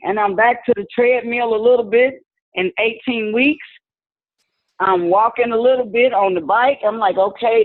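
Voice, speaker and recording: A woman's voice: a little high, dry recording. Older woman testifying over a phone line. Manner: chatty, storytelling, acts out quotes. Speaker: caller giving a testimony. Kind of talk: casual spoken testimony. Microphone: phone call into a video meeting. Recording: dry tinny phone line.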